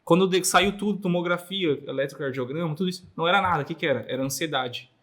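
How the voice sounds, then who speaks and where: A man co-hosting a podcast in a somewhat high voice. He jumps in to clarify and add his own points, talking casually. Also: fast talker, a bit bright. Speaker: podcast co-host.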